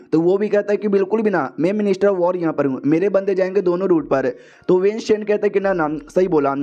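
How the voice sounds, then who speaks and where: A male narrator rambles through a casual, slangy story recap, padding his sentences with filler words. His voice sits a little high and sounds mellow. The recording is dull and lo-fi.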